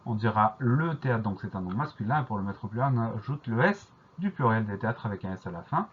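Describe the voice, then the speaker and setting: A man teaching a French spelling lesson, spelling words slowly and carefully letter by letter. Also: lowish voice, lively intonation, breathy edge. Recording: dull lo-fi recording.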